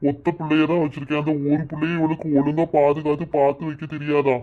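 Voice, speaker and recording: A man voicing a furious farmer father in a cartoon, shouting accusations in a Kanyakumari Tamil accent. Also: fairly high pitch, flat delivery, fast, lo-fi sound, close to an everyday voice. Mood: anguished. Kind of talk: cartoon voice acting.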